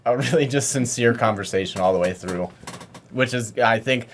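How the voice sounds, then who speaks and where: A man's voice: medium pitch, normal speed, a little hiss or hum. A male podcast host chats casually with a noticeable lisp. He speaks out of the side of his mouth, peppering his sentences with "like.". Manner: says "like" a lot. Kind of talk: casual chat.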